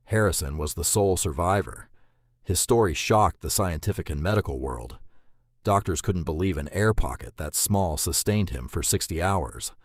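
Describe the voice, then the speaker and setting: A man narrating a true survival story in a measured, suspenseful, scripted way. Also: sits low, no room sound, studio quality.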